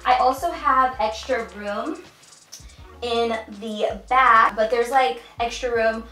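A woman's voice: fairly high pitch, slow pace, bright, forceful tone, soft background music. Chatty young woman in an echoey room. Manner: chatty, upbeat, addresses viewers as you guys. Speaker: fashion vlogger. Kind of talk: try-on haul commentary.

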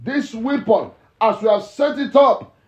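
A male pastor preaching a fervent morning sermon and prayer, repeating phrases and breaking into shouts. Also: very high voice, expressive, a little slow. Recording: echoey, dull lo-fi church recording.

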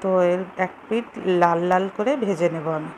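With a fairly low, darkish voice at normal speed, a woman casually guides viewers through a recipe step by step in simple terms. She hosts a home recipe video from her home kitchen, where the recording is clearly noisy.

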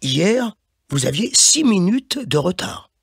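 A blustering, fussy office boss, as a male reader puts him on, scolding in a raised, lively voice that swings up and down. The tone is gravelly and husky, recorded close and dry for an audiobook. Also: sits high, dry recording, voice pushed up, heavily acted. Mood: bossy. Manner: chiding, repeats "hein", quick and emphatic.

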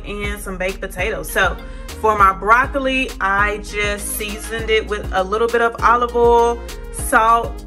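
In a medium-pitched voice with a sharp tone, an American woman in her thirties hosts a lifestyle vlog. She chats informally with her viewers, calling them y'all, from a parked car and a home kitchen.

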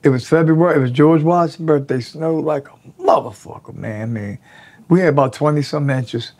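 A man in his sixties tells rough, profane stories in a relaxed interview. His voice sits a little high for a man. He acts out the people he quotes with lively swings in pitch. He was recorded seated in a small indoor studio. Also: a little fast. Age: 60s. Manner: animated, profane storyteller who acts out quotes. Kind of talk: casual storytelling interview. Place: indoor studio in front of a draped backdrop.

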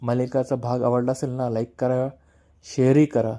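Male recap narrator, mellow dark voice, casual storytelling to viewers. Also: medium pitch, flat delivery, normal speed. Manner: storytelling, addresses viewers as friends. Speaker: television serial recap narrator.

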